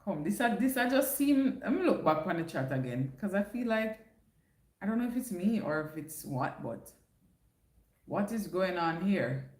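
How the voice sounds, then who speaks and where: Fairly low in pitch yet full of big swings, her voice is a little mellow and moves at normal speed. The speaker is a Jamaican-accented woman hosting a casual livestream, chatting through viewer questions and slipping into patois; there's a roomy echo.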